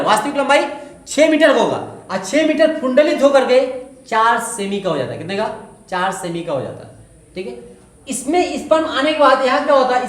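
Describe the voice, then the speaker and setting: A woman's voice: a little high, roomy sound. A woman teaching a biology lesson, asking the class questions and repeating each key term. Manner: asks and answers her own questions, repeats key terms. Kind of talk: classroom lecture.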